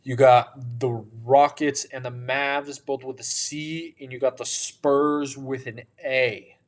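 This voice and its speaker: A man talks through his sports opinions slowly and casually, sounding worn out. His voice sits at an ordinary pitch, and he stretches his words at a relaxed, unhurried pace. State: tired, yawning. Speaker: podcast host.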